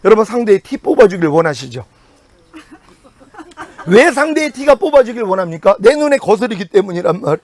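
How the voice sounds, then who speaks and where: A middle-aged male pastor preaching a sermon in an animated way, jumping up in pitch and then dropping to quiet asides. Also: fairly quick, pauses often.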